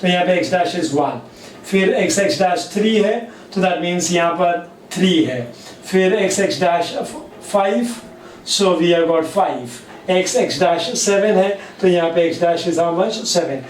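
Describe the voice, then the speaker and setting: Very slow-dictating Indian man teacher. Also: high-pitched, a little hiss or hum. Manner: slow, dictating key points word by word; mixes Hindi and English mid-sentence. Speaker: chemistry teacher. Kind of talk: classroom lecture. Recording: echoey room, mic at a distance.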